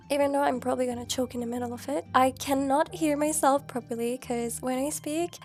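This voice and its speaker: Young woman, high pitch, stuffy nose from a cold, nasal, rambling casual chat, slangy, faint music behind. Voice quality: nasal, congested. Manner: rambling, self-mocking, slangy. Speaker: Sims content creator. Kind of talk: casual chatty commentary. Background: faint background music.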